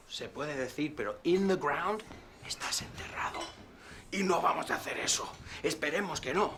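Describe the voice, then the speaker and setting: A man's voice: high voice, pushed and bright, slight background noise, exaggerated voice. A man playing a peppy male fitness coach in a TV English lesson, with a Spanish accent and a playful, exaggerated manner. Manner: exaggerated, playful, sing-song. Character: Mister Strong, a bouncy male fitness coach. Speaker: English teacher.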